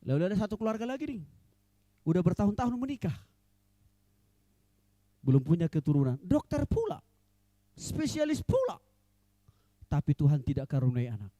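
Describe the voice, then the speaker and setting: A man preaching a sermon in church as pastor, animated and mixing in joking asides. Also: on the high side, fairly quick, long pauses, no echo.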